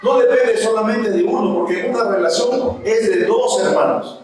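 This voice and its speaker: High-voiced man preaching in an echoey church. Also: moderate pace, a little mellow. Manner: preaching to a congregation, addressing them as brothers. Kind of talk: sermon. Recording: very echoey church hall, mic far off.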